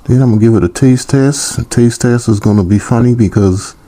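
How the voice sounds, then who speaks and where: A man's voice: medium pitch, a little fast, mellow. A man hosting his own cooking channel, talking casually and teasing his viewers in a playful way. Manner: playful, teasing, petty humor.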